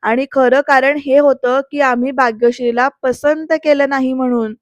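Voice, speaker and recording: Woman voicing a scornful middle-aged matron, accusing, taunting questions, high voice, dry sound. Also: steady tone, moderate pace, no room sound, dull audio, lightly acted.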